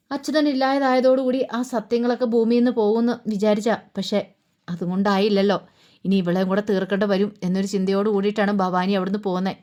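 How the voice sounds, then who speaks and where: Brief: woman storyteller, casual colloquial serial recap, fills pauses with soft hums. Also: mid-range voice. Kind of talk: casual retelling of a TV serial episode.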